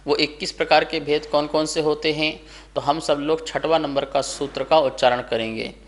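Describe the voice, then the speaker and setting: A man teaching a scripture lesson, reciting a verse word by word for students to repeat, then explaining it slowly. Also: mid-range voice. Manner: measured, syllable by syllable chanting of verses. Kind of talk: slow recitation lesson with call and response.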